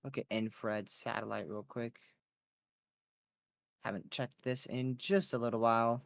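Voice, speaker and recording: A man with an average-pitched voice hosts a live weather stream. He talks through storm updates in a casual, off-the-cuff commentary style. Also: fairly even intonation, unhurried, creaky. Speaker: weather livestream host.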